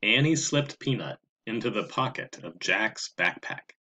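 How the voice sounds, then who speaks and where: A man narrating a children's storybook with a slow, expressive read-aloud delivery. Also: fairly low pitch. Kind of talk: storybook reading.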